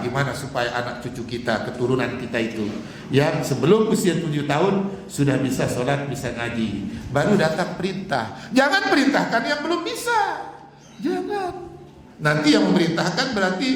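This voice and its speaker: Animated preacher man in an echoey hall. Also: a little high, slight background noise. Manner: animated, chuckling, rhetorical questions. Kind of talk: lively sermon to a gathering. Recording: echoey hall, long reverb, faint ambience.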